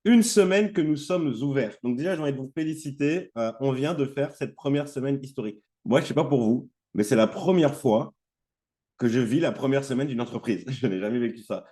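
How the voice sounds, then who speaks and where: Presenting an affiliate platform, a trainer gives a casual online training session while nursing a sore throat. His medium-pitched voice is brisk and warm, but his delivery is hesitant, full of fillers and restarts.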